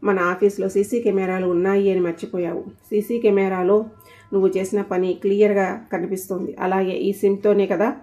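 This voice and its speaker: A woman's voice: medium pitch, level tone, moderate pace, warm tone, close to an everyday voice. A woman voicing a stern young man who angrily scolds a friend in an audio story. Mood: angry. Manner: scolding, accusing. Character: stern young male boss, angry friend.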